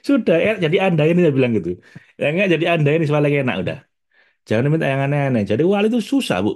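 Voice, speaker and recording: A man's voice: fairly high pitch, sing-song, racing, darkish tone. A man, giving a casual spiritual talk as a religious teacher, chatty and addressing his audience directly with frequent laughs.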